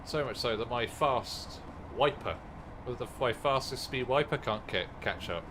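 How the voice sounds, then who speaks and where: A man's voice: medium pitch, animated, a little slow, background noise. A man casually commenting on a train game live to viewers, chatty, swearing and poking fun at himself. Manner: chatty, swears, self-mocking, talks to viewers. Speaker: game streamer.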